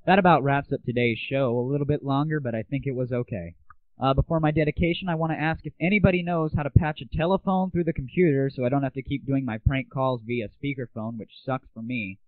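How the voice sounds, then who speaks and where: A man hosting a podcast delivers a ranting gadget review that is blunt and sarcastic, swearing freely. He talks fast in a steady, mid-range voice, and the dry recording has phone-quality sound.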